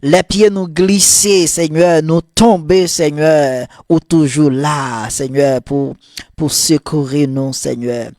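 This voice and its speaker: A man with a Haitian Creole accent, a priest leading a morning prayer sermon in a fervent, repetitive cadence, moving into softly murmured prayer. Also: a little high, steady tone, takes it slowly, no echo, clean studio sound.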